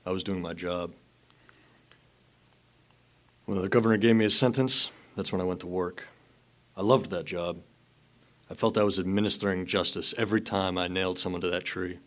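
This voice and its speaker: A young man playing a Roman soldier who crucified Jesus, speaking in a flat, matter-of-fact way. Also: deep voice, moderate pace. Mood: somber. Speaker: student actor.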